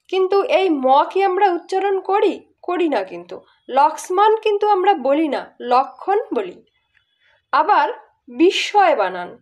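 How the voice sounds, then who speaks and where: Brief: woman online tutor, high voice, animated, rhetorical questions. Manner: explains step by step, asks rhetorical questions. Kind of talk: grammar lesson.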